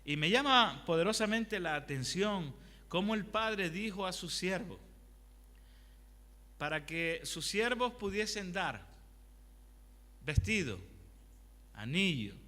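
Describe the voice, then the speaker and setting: Long reverb fills the church hall as a man with a high, pushed and bright voice delivers a sermon. He is animated but speaks slowly with long pauses, keeping things conversational by questioning the congregation and telling stories from his own life.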